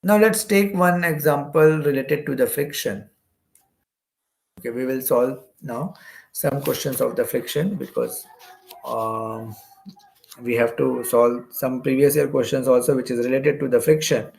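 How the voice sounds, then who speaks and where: A man with an Indian accent teaches physics, stepping through exam-prep problems, often repeating phrases and checking in with "okay." His mid-range voice is creaky and darkish, a little slow, with a little hiss or hum and a roomy echo on the recording.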